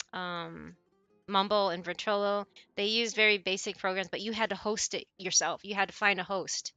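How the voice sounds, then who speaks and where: A woman's voice: mid-range voice, bright, forceful tone, no echo. A woman in her forties, chatting casually with viewers on her stream, rambling and often correcting herself mid-sentence. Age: 40s.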